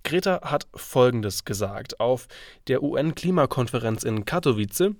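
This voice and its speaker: Congested from a cold, this podcast host talks alone in a loose, thinking-aloud manner full of fillers. His mid-pitched voice is animated but a little slow. The recording is dry and close, with no room sound.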